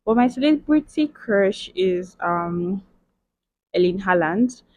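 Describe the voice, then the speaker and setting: A Nigerian woman in her twenties runs a casual Q&A vlog, chatty, playful and emphatic, often tagging lines with "okay" and "like." Her medium-pitched voice has a darkish tone and lively intonation, and she takes it slowly. The recording is dry.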